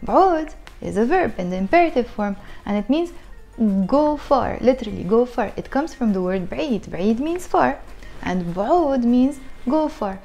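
A woman with a Levantine Arabic accent and a fairly high, slightly mellow voice. She is a native Arabic speaker who teaches in a conversational style, breaking phrases down and repeating them. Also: expressive, vocal fry. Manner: explanatory, breaks phrases down slowly with repetition. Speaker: language teacher and host. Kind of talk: conversational language lesson to camera. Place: small living room indoors, on a sofa.

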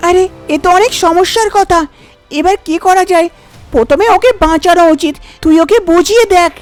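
A woman's voice: very high voice, a little fast, a little mellow, dry recording, faint music behind. A woman voicing a caring younger sister in a cartoon, concerned and urgent.

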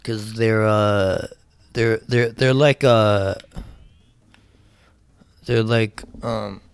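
A man's voice: fairly low pitch, fairly even intonation, very slow, vocal fry, clear, resonant tone. A man giving casual, rambling let's play commentary, swearing often and talking to himself as he plays. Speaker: gaming channel host.

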